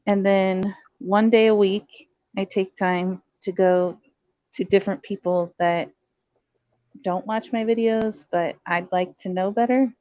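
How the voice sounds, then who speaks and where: A woman's voice: mid-range voice, fairly even intonation, measured pace, no echo. A woman with the hiccups, chatting casually as a live stream guest and explaining things step by step. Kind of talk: casual chat. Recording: dry, dull lo-fi audio.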